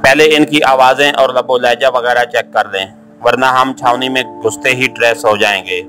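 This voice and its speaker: A careful secret agent talks through a plan in a measured, matter-of-fact tone in a storybook reading, voiced by a man. His voice sits at a middle pitch, even and unhurried. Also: faint music behind, natural voice. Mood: planning. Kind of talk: audiobook character reading.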